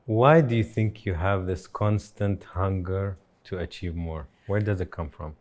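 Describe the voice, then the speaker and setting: A man hosting an interview, asking questions calmly and gently. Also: low-pitched, measured pace. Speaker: host.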